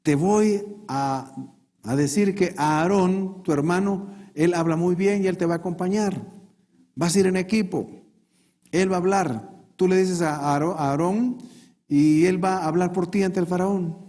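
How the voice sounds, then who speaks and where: A man's voice: high-pitched, a little slow, mellow, big-room sound, voice pushed up. A man preacher voicing God, speaking patiently and reassuringly as he gives instructions. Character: God, a calm, commanding divine voice.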